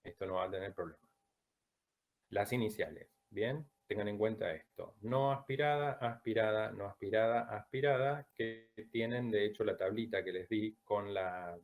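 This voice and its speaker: Man, from Latin America, language teacher, lowish voice, slow deliberate drilling, checks in after each point. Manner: drills sounds slowly and deliberately. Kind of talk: online class lecture.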